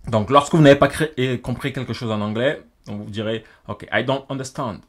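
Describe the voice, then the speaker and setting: Guy going through english phrases slowly, says each one twice, normal pitch. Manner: repeats each phrase in both languages, slows down for the English. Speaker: English teacher. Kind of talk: French-language English lesson, phrase by phrase.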